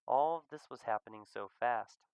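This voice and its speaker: Brief: male reader, first-person visual novel narration, mid-pitched, reflective and even-paced. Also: moderate pace, smooth, no echo, rough recording. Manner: reflective, steady storytelling.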